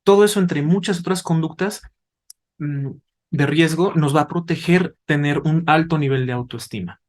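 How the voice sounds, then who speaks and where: Speaking at a normal speed, a man with a slightly high voice explains things to parents. He's a doctor and invited expert whose teaching style leans on rhetorical questions and the tag "¿vale?".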